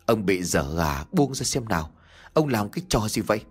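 A cruel, scheming elderly wife snaps orders at her timid husband, as a male storyteller puts her on. Her voice sits fairly low yet swings widely in pitch. She scolds with a bossy, cutting edge. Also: sing-song, normal speed, husky, soft background music. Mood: scolding.

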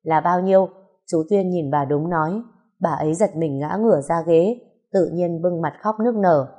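A woman narrating an audiobook story in a calm, reflective manner. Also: fairly low pitch, normal speed, slightly rough.

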